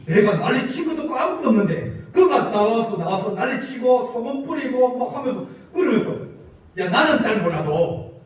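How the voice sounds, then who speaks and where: Male pastor, high and animated, slow emphatic delivery, distant mic in an echoey church. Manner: storytelling preacher, drawn-out emphatic phrases. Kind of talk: sermon. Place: church sanctuary. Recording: roomy church sound, mic from a distance, faint room noise.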